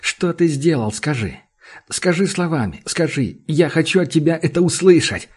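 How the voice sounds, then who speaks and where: Brief: male narrator doing a cold, furious doctor, husky, pitched up and loud in the storybook. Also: normal speed, close to an everyday voice. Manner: icy sarcasm, then shouting.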